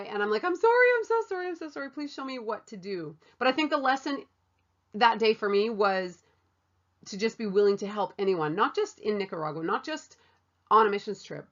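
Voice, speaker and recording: A woman tells a personal faith story in an earnest, animated way, acting out what people said and scattering fillers through her talk. Her voice sits at an ordinary middle pitch for a woman. The recording is a little dull and muffled. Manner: animated, earnest, with many fillers and acted-out quotes. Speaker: mission trip volunteer sharing her story. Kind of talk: personal testimony, casual storytelling.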